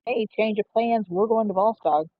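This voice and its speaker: A woman's voice: mid-range voice, moderate pace, no room sound. A woman playing in a tabletop game over a call, her voice muffled as if heard through a wall. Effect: muffled audio, as if heard through a wall. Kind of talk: casual online game chat. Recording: muffled, phone-like voice call audio.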